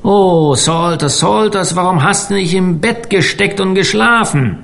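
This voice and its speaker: A man's voice: high voice, unhurried, vocal fry, a bit bright, voice pushed up, exaggerated voice. Man doing a groaning, grumbling fisherman. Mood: exasperated groaning. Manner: exasperated, groaning. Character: grumbling adult fisherman sailor, male.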